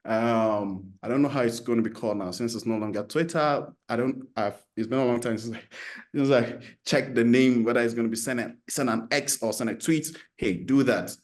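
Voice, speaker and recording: A man from Ghana hosts an online business forum from a computer mic on a video call. His voice sits mid-pitch and he talks with an energetic, encouraging, chatty push, often restarting his sentences. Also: fairly quick. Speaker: host. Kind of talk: upbeat online forum hosting.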